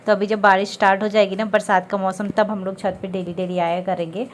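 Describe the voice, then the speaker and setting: A woman's voice: mid-range voice, flat delivery, a little fast, rough recording. A woman with an Indian accent, chatting casually to viewers in a family vlog while feeling unwell, speaking from a car and later a rooftop. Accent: Indian Hindi. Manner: chatty, rambling, addresses viewers directly. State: unwell, low-energy. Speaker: family vlogger. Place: in a car, then on a rooftop outdoors. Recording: faint background noise.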